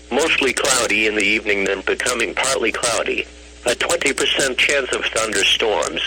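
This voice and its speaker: An automated weather radio announcer, a synthetic text-to-speech male voice of medium pitch, reads a scripted bulletin formally and flatly in clipped phrases. Heard as a radio broadcast, the recording is noisy and humming.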